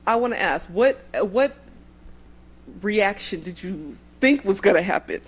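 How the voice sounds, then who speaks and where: A woman's voice: mid-range voice, animated, measured pace, slightly rough, rough recording. A woman co-hosting a podcast, chiming in supportively during a casual conversation with her husband. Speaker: podcast co-host.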